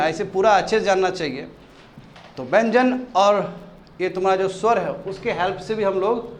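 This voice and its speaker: High-voiced man teaching a class. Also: reverberant. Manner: questioning, drills students repeatedly. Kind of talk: classroom grammar lesson. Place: classroom with students.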